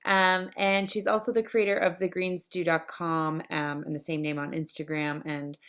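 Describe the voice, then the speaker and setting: A woman's voice: low voice, level tone, normal speed, fairly bright tone. A woman hosting a podcast, chatty and upbeat, with frequent ums. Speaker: podcast host. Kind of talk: casual podcast chat.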